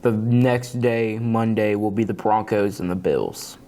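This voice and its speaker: A man's voice: lowish voice, a little slow. A man co-hosting a casual sports podcast, sleepy and yawning, laughing easily as he reads out the week's games. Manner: relaxed, laughs often, reads out schedules. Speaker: podcast co-host.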